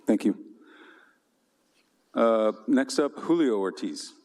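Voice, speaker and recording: A man's voice: on the low side, lively intonation, slow, a little mellow. A man who is mayor chairs a city council meeting in a brief, procedural way, with some hesitations. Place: council chamber.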